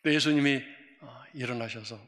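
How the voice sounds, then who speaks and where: Korean pastor guy preaching, forceful bright voice, gets loud then drops to a hush, big church reverb. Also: mid-range voice, a little fast. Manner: emphatic, swings between loud outbursts and hushed near-whispers. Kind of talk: sermon. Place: church sanctuary. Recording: long reverb of a church sanctuary.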